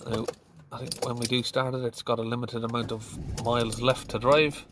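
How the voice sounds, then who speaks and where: Thinking aloud inside a van with fillers and plain speech, a middle-aged mechanic talks at normal speed in a mid-range voice with a level tone. Hay fever makes him sound congested, and background noise runs throughout this casual diagnostic walkthrough.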